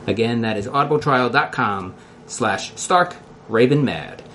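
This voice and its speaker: A man's voice: mid-range voice, animated, a little slow, fairly bright tone. Philadelphia-accented man hosting, noisy room. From Philadelphia area, United States. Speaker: podcast host. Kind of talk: casual podcast hosting.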